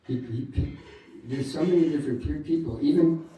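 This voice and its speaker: A man preaching in a relaxed, chatty way, with a very dark and mellow tone. His voice comes from a distance and rings through an echoey temple hall. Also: fairly high pitch, moderate pace, highs cut off. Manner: conversational, with many asides. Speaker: guru giving a talk. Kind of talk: sermon. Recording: echoey hall, speaker off-mic.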